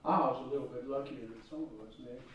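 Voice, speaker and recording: A middle-aged man telling students relaxed, rambling stories in a spoken school presentation. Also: mid-range voice, fast, a little hiss or hum. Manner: relaxed, rambling storytelling with fillers. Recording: dull echoey room from far off.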